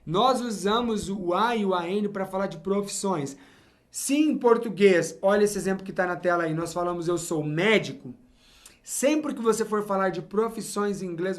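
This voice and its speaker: A man from Brazil teaching English grammar, speaking directly to the viewer and checking understanding with quick "tá?" and "ok?". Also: high-pitched. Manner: lively, talks straight to the viewer with frequent "tá?" and "ok?". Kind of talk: explaining English grammar to learners.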